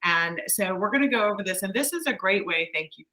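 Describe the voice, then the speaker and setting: A woman's voice: medium pitch, expressive, brisk, bright, forceful tone, low-quality recording. A woman presenting an online fundraising workshop in a chatty, encouraging way, on a video call. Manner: chatty, encouraging, with light laughs.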